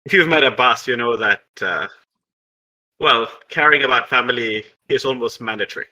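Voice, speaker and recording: A man voicing a calm older man who is devoted to his family, with dry humour. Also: mid-range voice, normal speed, poor audio.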